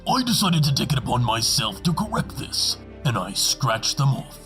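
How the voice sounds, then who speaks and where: A man's voice: medium pitch, sing-song, normal speed, a bit bright, soft background music. An anonymous man interviewed with his voice disguised for his protection, speaking in an earnest, indignant way. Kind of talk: interview soundbites.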